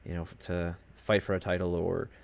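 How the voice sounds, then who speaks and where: Low-pitched male podcast host, chatty and rambling, casual solo commentary from a home desk. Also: flat delivery, a little fast, vocal fry, darkish tone. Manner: rambling and chatty, heavy on fillers and asides. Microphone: home desk setup.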